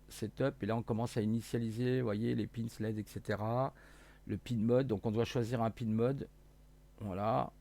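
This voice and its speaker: Man, gravelly, mid pitch, hesitant casual tutorial, joking asides. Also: darkish tone. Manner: rambling, hesitant, many fillers and self-corrections; jokey asides. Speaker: hobbyist electronics youtuber. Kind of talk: casual screen-share tutorial.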